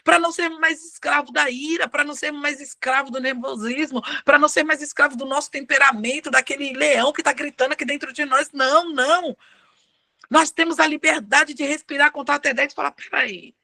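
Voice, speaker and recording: Animated woman preaching a devotional sermon. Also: high-pitched, a little fast, gravelly, few pauses, no echo. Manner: animated preaching, acting out quoted dialogue. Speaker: pastor.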